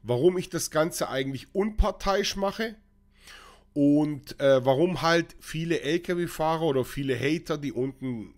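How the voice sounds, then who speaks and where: A man's voice: on the high side, measured pace. A man, ranting sarcastically in a casual opinion vlog, with lots of hesitations, recorded at a desk on camera. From Croatia. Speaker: vlogger and trucking company owner.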